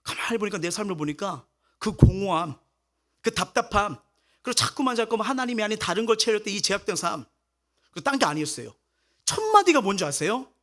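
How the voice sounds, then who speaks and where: A man delivers a sermon as pastor, his voice pitched high for a man and swinging widely up and down. He tells a personal story with animation and acts out the lines of the people in it. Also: fairly quick. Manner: animated storytelling, acting out quoted speech.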